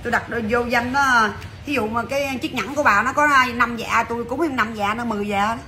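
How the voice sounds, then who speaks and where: Woman, bright voice, brisk chatty livestream seller, faint background noise. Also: a little high. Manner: chatty, brisk, calls out to viewers. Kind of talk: fast livestream sales patter.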